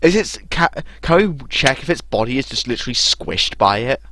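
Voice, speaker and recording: A man's voice: mid-range voice, big pitch swings, normal speed, pushed and bright, a little hiss or hum. A man playing in a tabletop game, joking around and asking playful questions. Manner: playful, joking, laughs often. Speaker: player. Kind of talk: casual game chat.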